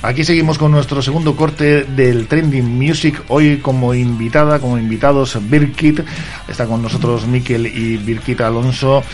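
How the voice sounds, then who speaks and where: A man's voice: medium pitch, fairly even intonation, normal speed, over music. A man hosting a radio interview, introducing guests with many hesitant fillers. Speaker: radio host.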